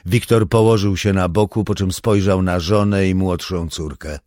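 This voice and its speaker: A man reading a thriller audiobook in a measured, even storytelling manner. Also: sits low, no echo, clean studio sound. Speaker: audiobook narrator. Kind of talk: scripted thriller narration.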